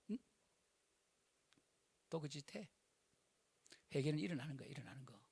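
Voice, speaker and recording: A middle-aged male pastor preaches a sermon in an animated, colloquial style packed with rhetorical questions. His voice sits high with a breathy edge.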